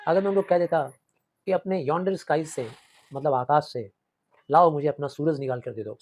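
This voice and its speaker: A man with an Indian English accent teaches a poem line by line, his voice sitting a little high. He reads the verse slowly and carefully. Then he explains it in easy mixed Hindi and English, restating each idea several ways. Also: a little mellow. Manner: repeats and rephrases phrases while explaining.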